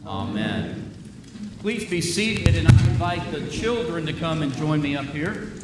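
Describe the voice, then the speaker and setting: In a spacious church sanctuary, a pastor with a slightly high voice gives a children's sermon, chatting away and peppering the kids with questions. The mic catches him from a distance at a normal pace, with a faint murmur behind him and a lot of noise overall.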